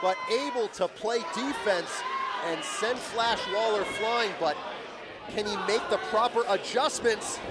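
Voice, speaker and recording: A man works as a wrestling commentator, calling the action live in a high voice. His delivery is dramatic and emphatic. A very loud crowd and heavy venue noise surround him. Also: unhurried.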